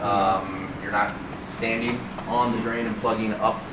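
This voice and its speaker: A middle-aged man guiding a factory tour, talking casually and agreeing often with quick yeps. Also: on the low side, steady tone, roomy sound. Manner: affirming with frequent yeps. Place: large indoor vehicle factory. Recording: noisy factory floor.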